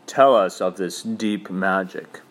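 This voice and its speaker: A man voicing a noble lion who speaks gravely and slowly. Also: exaggerated voice. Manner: grave, low and measured. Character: great grave male lion, noble and commanding.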